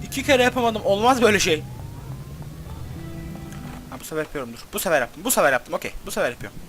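A man hosting a gaming channel, giving casual gameplay commentary, excitable and cursing at the game as he plays. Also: high-pitched, quick pace. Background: game music.

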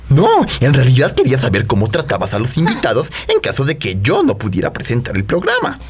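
A performer voicing a playful, excitable male puppet who hosts a children's show, in a theatrical, exclamatory way. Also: medium pitch, brisk, a little hiss or hum. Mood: playful, eager. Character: lively mustached male puppet, playful, pleading show host. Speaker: children's religious show host.

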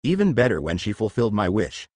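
A man voicing a calm young male hero who speaks earnestly in a storybook reading. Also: fairly low pitch, fast, no room sound, clean studio sound.

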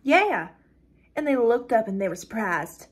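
A woman's voice: fairly high pitch, unhurried, husky, exaggerated voice. A woman voicing a callous young female cult member who brags coldly about violence, reading a dramatic script. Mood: matter-of-fact. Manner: boastful, coldly matter-of-fact with bursts of excitement.

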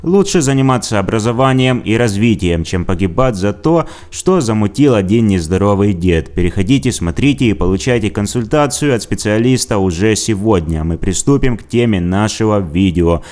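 A man's voice: fairly low pitch, lively intonation, normal speed, few pauses, a little mellow. Sarcastic man narrating a commentary video. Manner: sarcastic, mocking. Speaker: video blogger. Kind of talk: scripted commentary.

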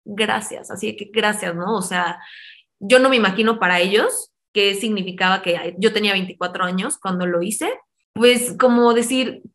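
A woman in her twenties with a Mexican Spanish accent speaks as an interview guest at a middle pitch. She tells her story animatedly and slips into the voices of the people she quotes. Her speech is full of affectionate diminutives. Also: moderate pace, fairly bright tone. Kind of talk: casual personal storytelling.

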